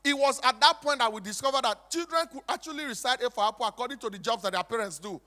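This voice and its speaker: This fast-talking stage storyteller, a man with a Nigerian accent and a very high, bright voice, preaches his tales emphatically. He repeats himself and fires questions at the crowd, and the hall's long reverb rings around every word.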